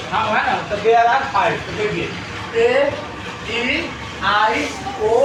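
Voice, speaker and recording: A male teacher, high-pitched and bright, drills a class with repeated questions. His voice bounces around a very echoey room and sits some way from the mic. A faint hum of ambience runs behind him. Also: distant mic. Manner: asks the class rhetorical questions and repeats answers. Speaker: English teacher. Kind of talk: classroom grammar lesson.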